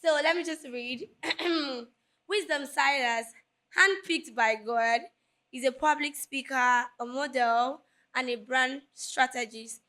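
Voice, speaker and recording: A woman's voice: high-pitched, takes it slowly, sharp tone. A Nigerian woman hosting a casual interview chat, playful and laughing often. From Lagos, Nigeria. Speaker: podcast host.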